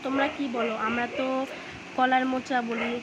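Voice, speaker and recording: A chatty woman with a high voice narrates her day to viewers while she does her chores. Steady noise from the house sits behind her voice on a phone camera. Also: fairly quick, lo-fi sound. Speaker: vlogger and mother. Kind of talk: casual daily-life vlog narration. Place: at home.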